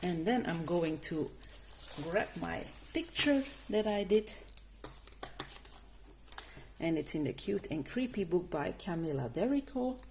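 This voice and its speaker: Slow gravelly lady, english not her first language, lots of restarts. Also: lowish voice, expressive, a little hiss or hum. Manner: hesitant, many restarts and fillers. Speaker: coloring channel host. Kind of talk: casual product review.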